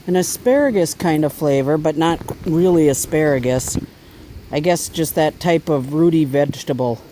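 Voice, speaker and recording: A man's voice: on the high side, mellow, a little hiss or hum, low-quality recording. A man casually talking through an outdoor cooking vlog, chatty and easygoing while he eats and cooks by a fire. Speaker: bushcraft vlogger.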